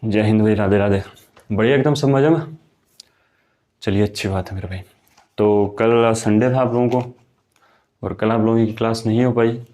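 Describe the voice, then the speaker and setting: A man's voice: lowish voice, fairly even intonation, moderate pace, long pauses, warm tone. A young man teaching an exam-prep vocabulary lesson in a chatty, casual way, often calling his students brother. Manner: chatty, keeps saying "my brother" and "okay".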